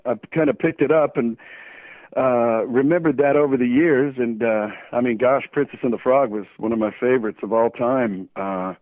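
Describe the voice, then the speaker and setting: A man's voice: medium pitch, moderate pace, no room sound. Playful man on a tinny phone line. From New Orleans, USA. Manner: playful, jokey storyteller with frequent chuckles. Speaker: voice actor guest. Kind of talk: phone interview chat.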